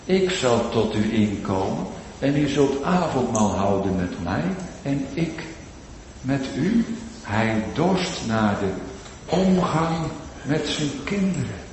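Man, preacher, sermon, drawn-out emphatic delivery, very roomy church hall, faint background hum. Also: very animated. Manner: swings between loud pleading cries and hushed low phrases. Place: large church. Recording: echoey church hall with long reverb.

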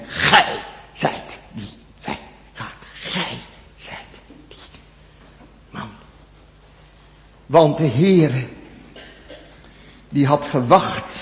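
High-voiced preacher in a reverberant hall. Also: male voice. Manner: emphatic preaching, repeats phrases, sudden loud peaks and near-whispered drops. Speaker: pastor. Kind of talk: sermon.

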